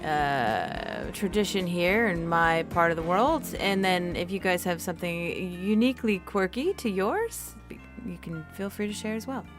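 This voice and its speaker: A woman's voice: lowish voice, expressive, unhurried, few pauses, music in the background. A woman from New York chatting casually on a game stream, telling a long story with many restarts and laughs. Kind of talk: casual chat while gaming.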